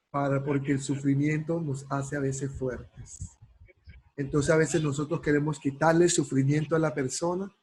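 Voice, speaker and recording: A man's voice: a little high, a little mellow, slightly rough, poor audio. A man teaching a counseling class. He asks rhetorical questions and keeps checking in with his students. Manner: slows right down to stress key words. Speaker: counseling course lecturer. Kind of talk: class lecture.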